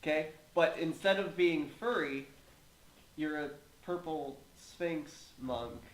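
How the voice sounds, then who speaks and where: A man's voice: on the high side, slow pace. A man narrating part of a tabletop game and chatting as a player, with filler words and jokey asides. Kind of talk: casual tabletop chat. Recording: echoey room with faint noise.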